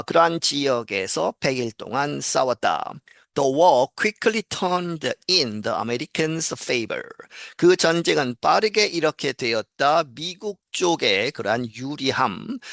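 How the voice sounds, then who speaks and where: A man lecturing as an English teacher, reading news sentences slowly and explaining each one with frequent filler sounds. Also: medium pitch, creaky, a bit bright, dry recording, clean studio sound. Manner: reads English lines slowly, then explains in Korean with many fillers.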